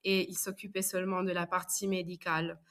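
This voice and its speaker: Soft-spoken woman, flat tone. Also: fairly low pitch, a little fast. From Italy. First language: Italian. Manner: hesitant, many fillers. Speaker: guest. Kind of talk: personal interview.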